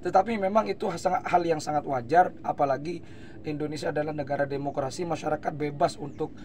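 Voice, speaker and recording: Slightly hoarse man explaining calmly. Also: fairly high pitch, a little hiss or hum. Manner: measured, with frequent "eh" fillers while explaining. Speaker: host. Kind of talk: explanatory political commentary.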